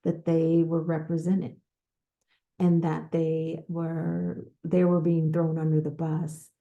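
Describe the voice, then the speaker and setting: A woman hosting a podcast, giving advice in an unscripted talk, speaking slowly with pauses and repeated words. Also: sits low, monotone, gravelly, phone-quality sound. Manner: slow, repetitive, with pauses and restarts. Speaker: podcast host.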